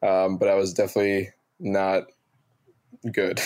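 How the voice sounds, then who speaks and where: A man in his twenties, a guest telling animated, self-mocking stories with many fillers over a video call. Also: low voice, a little slow. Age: 20s. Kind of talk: casual interview storytelling.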